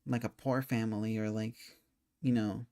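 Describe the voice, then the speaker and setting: A man's voice: on the low side, little pitch movement, moderate pace, warm tone. Rambling young man talking about a game. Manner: rambling, frequent fillers and restarts, thinking aloud. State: hiccuping. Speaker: game commentator. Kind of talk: casual spoken game discussion.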